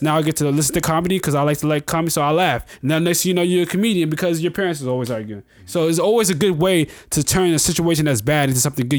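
A man gives his opinion casually as a panelist. His voice sits a little high and he talks fast. He comes across as earnest and explanatory. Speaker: discussion panelist.

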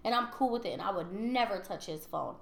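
A woman's voice: medium pitch, animated, a little fast, vocal fry, echoey room. A woman in her late twenties co-hosting a casual podcast chat, blunt and profane, laughing often. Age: 20s. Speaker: podcast co-host.

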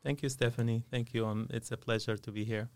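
A man's voice: medium pitch, flat delivery, a little fast, no room sound. A man, a dentist talking as a guest in a podcast studio, hesitant and full of fillers. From Syria. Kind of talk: casual interview.

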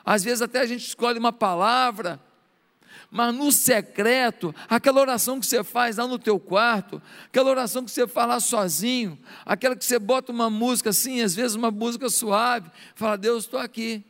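A middle-aged man with a Brazilian Portuguese accent, preaching a sermon as a pastor, animated and acting out prayers in a hushed voice. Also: very high voice, a little fast. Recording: long hall reverb.

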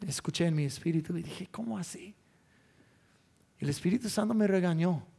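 Brief: male pastor, high voice, candid self-deprecating sermon storyteller. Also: brisk, creaky, warm tone, slightly rough. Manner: candid, self-mocking storytelling with quoted prayers.

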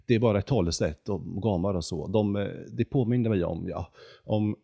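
A man's voice: on the low side, vocal fry, dark tone, breathy edge. A man voicing an earnest young man in a storybook reading, talking hesitantly and stammering. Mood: nervous.

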